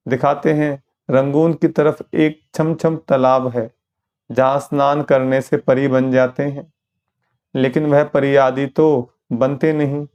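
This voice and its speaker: A man delivering a spiritual sermon at a steady, explanatory pace. His voice sits in an ordinary middle pitch, and he often asks rhetorical questions as he works through the lesson. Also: slow, smooth, muffled recording. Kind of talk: sermon commentary.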